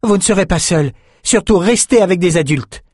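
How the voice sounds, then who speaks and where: A man's voice: high-pitched, animated, moderate pace, a little mellow, slightly rough, no echo, clean studio sound, pitched above the performer's own voice. A man voicing a fierce, vengeful female warrior with hard, clipped threats. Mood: urgent.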